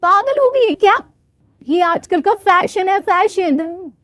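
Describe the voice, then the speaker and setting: Brief: a woman playing a cheeky young city bride, high, swooping cartoon voice, quick to take offence. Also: expressive, a bit bright, no room sound, clean studio sound, exaggerated voice. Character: brash young city daughter-in-law, fashion-proud.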